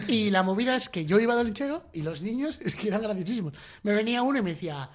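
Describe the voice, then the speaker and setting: A young man from the Basque Country, co-hosting a comedy podcast and telling stories in animated chat, acting out the voices of others. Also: high voice, rapid-fire. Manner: animated storyteller, acts out voices.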